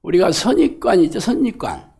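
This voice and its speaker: Animated, gravelly-voiced male preacher. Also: high-pitched, brisk. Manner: animated and colloquial, acting out quoted voices, laughing. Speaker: pastor. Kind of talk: lively sermon. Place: church or hall.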